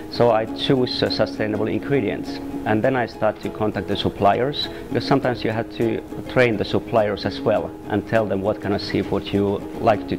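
Finnish-accented man, gravelly low voice. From Finland. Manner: plain, steady explaining with pauses. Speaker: chef. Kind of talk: interview. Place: restaurant interior.

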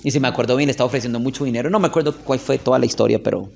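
A man's voice: medium pitch, rapid-fire, vocal fry. A man giving an informal religious lesson in a classroom, chatty, often checking in with his listeners and telling anecdotes. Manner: chatty, asks "¿ok?" often, tells anecdotes with laughter. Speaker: religious teacher.

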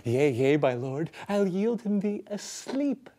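A performer voicing Caliban, a grovelling male monster servant, in a comic stage send-up, wheedling and sliding between deep growls and loud bursts. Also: very animated, slow pace. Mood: scheming.

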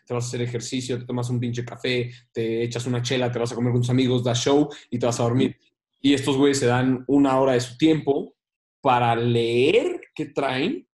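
Animated Mexican man telling funny stories. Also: medium pitch. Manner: animated, slangy, self-mocking, acts out voices. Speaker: comedian guest. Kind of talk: casual storytelling chat.

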